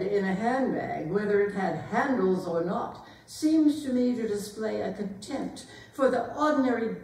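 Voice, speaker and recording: A woman's voice: mid-range voice, a little mellow. A woman playing a haughty, imperious older aristocratic lady in a staged period comedy reading, pompous and emphatically disapproving. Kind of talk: theatrical readers' theatre performance of a period comedy. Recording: echoey hall, distant microphone.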